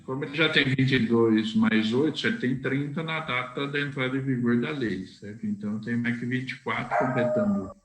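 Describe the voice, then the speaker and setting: A man's voice: mid-range voice, steady tone, normal speed, hardly any pauses, a little hiss or hum. A man working as a lawyer, explaining rules on a live stream and checking in with tag questions. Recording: roomy echo.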